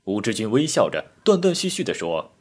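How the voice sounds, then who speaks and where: Male storyteller, husky and expressive, dramatic narration. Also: lowish voice, brisk. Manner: expressive, voices the characters.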